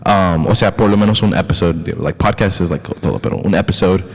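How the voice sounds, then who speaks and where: A male podcast host with a low voice talks briskly in a casual interview, though hesitantly, filling gaps with many fillers and mixing in English words. The sound carries the echo of a large hall.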